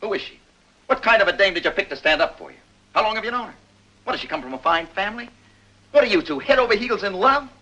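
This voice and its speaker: An actor playing a tough, blunt police captain in a 1950s film, talking in a clipped, forceful way. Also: male voice, sits high, expressive, fast talker, full character voice. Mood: hard, pressing. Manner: clipped, forceful, hard-nosed interrogating. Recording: dull lo-fi 1950s film audio.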